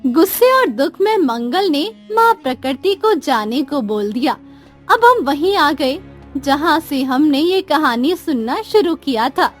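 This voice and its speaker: In a high voice, a woman narrates a scripted moral tale at a slow, measured pace. Soft music plays behind her.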